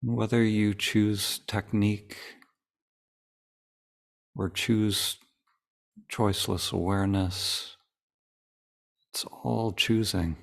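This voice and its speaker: Calm and deliberate, a man leads a guided meditation as the teacher, his lowish voice carrying vocal fry. He speaks in short phrases with long pauses in between.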